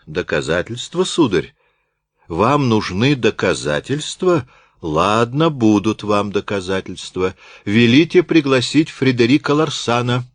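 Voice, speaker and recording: A guy doing cocky young reporter, slow drawl then big ringing lines, dry close sound. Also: fairly low pitch, animated, no room sound. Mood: triumphant. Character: bold young male reporter, cocky and unhurried.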